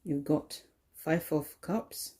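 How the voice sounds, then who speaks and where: A woman giving a tarot card reading, talking in a slow, soothing way with many "okay?" tag questions. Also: low voice, dark tone. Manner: drops into a whisper at times. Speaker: tarot reader.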